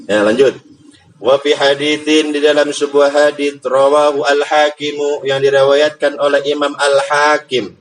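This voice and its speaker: A man's voice: on the high side, slight background noise, poor audio. A man giving a casual religious study lesson, joking and acting out dialogue. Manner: lively, joking, acts out dialogue. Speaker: preacher. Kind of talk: casual Islamic study sermon.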